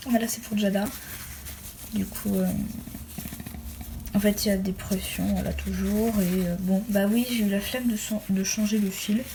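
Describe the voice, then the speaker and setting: Her voice is medium in pitch and a little mellow. The young woman is a hobby crafter presenting her handmade doll accessories in a relaxed show-and-tell, often joking at her own expense, captured in a noisy, clicky home recording.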